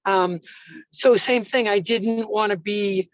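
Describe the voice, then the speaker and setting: A woman's voice: mid-range voice, slow, no echo. A woman calls in over her car speakerphone while she drives, chatty and enthusiastic. Her voice comes through dull and muffled, with a very dry sound and no room around it. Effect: speaking over a car speakerphone while driving. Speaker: parade volunteer. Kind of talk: video meeting call. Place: in a car, driving.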